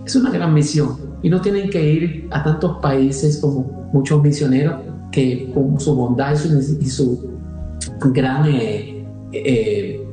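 A man talks as a religious missionary, hesitating and restarting often. His voice is mellow and sits at a middling pitch. It sounds very echoey, with faint music underneath. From Puerto Rico. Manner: hesitant, many restarts and fillers. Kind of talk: conversational interview.

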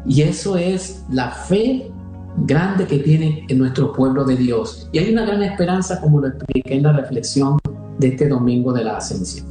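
A man's voice: mid-range voice, lively intonation, moderate pace, dark tone, heavy reverb, soft background music, poor audio. A religious brother in his fifties, speaking in a conversational interview with frequent hesitations and restarts. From Puerto Rico. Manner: hesitant, many restarts and fillers.

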